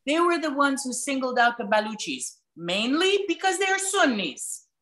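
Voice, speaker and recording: A woman from Iran with a high-pitched voice argues her case with force, pressing on over interruptions. She talks as a guest on a panel over a call. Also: very animated, fairly bright tone. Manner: emphatic, passionate, quick to interrupt. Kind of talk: panel discussion.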